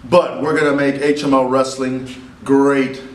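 A man's voice: mid-range voice, level tone, measured pace, close to an everyday voice. A middle-aged man playing a boastful, repetitive hype man in a comic wrestling promo that parodies a bragging politician. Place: small classroom at a lectern. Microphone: camera a few meters away. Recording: echoey classroom, distant camera mic.

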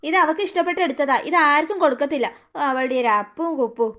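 A woman's voice: high voice, fast, fairly bright tone. Woman voicing a scornful scheming cartoon aunt. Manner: scolding, threatening, scornful. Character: scheming haughty adult aunt, mean and bullying. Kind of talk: cartoon story voice acting.

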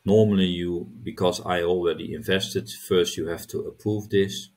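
Middle-aged man, tutorial host: deep and husky, unhurried, halting, repeats words as he clicks. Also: steady tone, a little mellow. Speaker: crypto channel host. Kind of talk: screen-recorded tutorial walkthrough.

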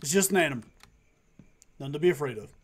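A man's voice: fairly high pitch, lively intonation, fast, husky. A man streaming a horror game, chatting jumpily and teasing the characters he meets, with the odd swear. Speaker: gaming streamer. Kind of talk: let's play commentary.

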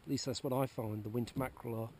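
Speaking very fast in a mid-range, darkish voice with fairly even intonation, a kayak angler from Cornwall, UK narrates a casual how-to on fishing at sea. He chats, repeats himself and restarts, captured by an action camera on the kayak with slight hiss or hum.

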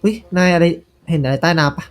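A man's voice: fairly high pitch, fast, soft background music, natural voice. A man voicing a curious, jumpy young male raptor companion that asks short nervous questions. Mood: panicked.

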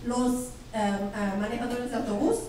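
Speaking as school principal, a middle-aged woman from Brazil with a native Portuguese speaker's Brazilian accent gives parents a chatty, playful welcome into a handheld microphone, quizzing the crowd as she goes. Her voice sits fairly high, warm and fairly even in intonation at a moderate pace. Recorded by a distant camera mic in an echoey, large school cafeteria hall, with slight background noise.

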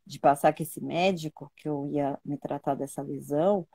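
A woman's voice: deep voice, fairly even intonation, moderate pace, dark tone, breathy edge, no room sound. A woman, a guest telling her own cancer story in a casual, emotional way and often repeating words.

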